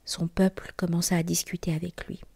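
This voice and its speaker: A woman giving a whispered scripture reading, her voice low and mellow. She speaks softly and steadily, often in a bare whisper. The sound is close and dry. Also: little pitch movement, vocal fry, breathy edge, no room sound. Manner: soft, measured, often whispered. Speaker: scripture reader.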